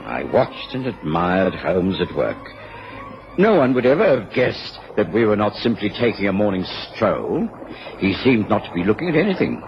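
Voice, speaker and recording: A man playing a loyal doctor companion in a radio drama, telling the detective's story in a measured, gentlemanly way. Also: on the low side. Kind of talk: radio drama narration and dialogue. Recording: muffled, faintly noisy radio drama recording.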